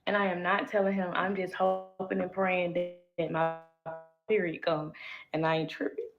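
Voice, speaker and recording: A young woman, telling a personal story to her viewers in a candid, animated, profane way. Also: fairly low pitch, normal speed, dull audio, music in the background. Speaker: vlogger. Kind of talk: storytime vlog.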